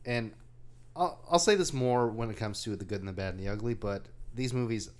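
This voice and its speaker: A man with a fairly low voice co-hosting a casual film discussion. He talks in a relaxed, halting way, often restarting his sentences and filling pauses. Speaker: podcast co-host.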